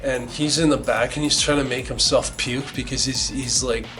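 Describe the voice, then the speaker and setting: A man's voice: mid-range voice, steady tone, normal speed, fairly bright tone, poor audio. A middle-aged man casually telling a band story, rambling and swearing a lot with many restarts. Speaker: band member recalling the band's origins. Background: music.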